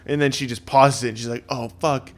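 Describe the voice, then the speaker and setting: A man's voice: medium pitch, fairly even intonation, fairly quick. A man co-hosting a podcast in casual chat, rambling as he retells scenes with fillers. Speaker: podcast co-host.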